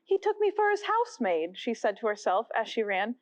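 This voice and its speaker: A woman's voice: on the high side, sing-song, brisk. A woman voicing Alice, a curious young girl who is eager, easily upset and talks to herself. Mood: wondering.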